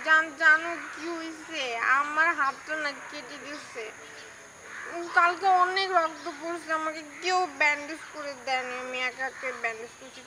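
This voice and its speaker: A woman's voice: very high voice, noisy background. An actress playing a pampered young woman who talks in coy, whiny baby-talk on the phone.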